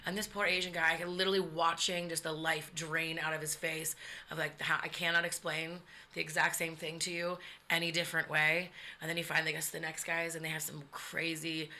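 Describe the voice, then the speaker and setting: A woman stand-up comedian telling a funny story in casual chat, animated and swearing freely. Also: deep voice, a little fast.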